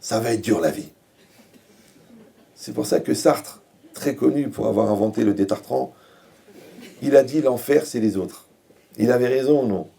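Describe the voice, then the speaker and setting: A male rabbi delivering a Torah lecture in a humorous, conversational way, often checking whether listeners follow. His voice is gravelly and husky. The tone is dark and mellow. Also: medium pitch, moderate pace, long pauses. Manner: joking, asks rhetorical questions.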